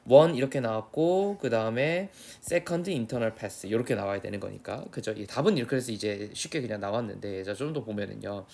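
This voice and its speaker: A young male English teacher with a Korean accent, giving an exam prep lecture, reading the English lines slowly and then explaining them in quick, casual talk. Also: lowish voice, creaky, a little mellow.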